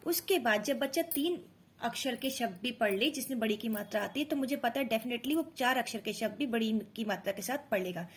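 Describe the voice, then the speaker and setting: A woman with a high, light voice gives a patient instructional lesson. She explains each step, slows down to sound out syllables one by one, and keeps checking in with her listeners. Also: husky. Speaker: teacher and mother. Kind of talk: instructional lesson for parents and teachers.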